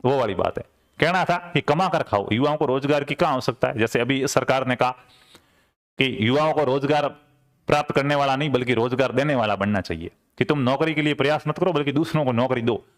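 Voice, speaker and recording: A man gives a conversational exam-prep lecture in class, repeating key terms and checking in with rhetorical questions. He speaks fast at a medium pitch.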